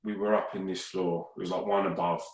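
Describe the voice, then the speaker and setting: A man tells DJ stories in a relaxed, rambling way and swears freely along the way. His voice sits on the low side. It is recorded in a roomy space with noticeable echo. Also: fairly quick. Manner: rambling, swears, gets loud and excited in anecdotes. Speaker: podcast speaker, DJ. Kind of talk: casual chat, storytelling.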